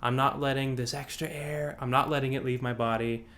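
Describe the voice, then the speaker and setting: Brisk and a bit bright, a man's medium-pitched voice with fairly even intonation guides an online singing workshop on breath support. He speaks in loose, rambling phrases with many restarts. He's a vocal coach on a video call, demonstrating sighs and singing examples.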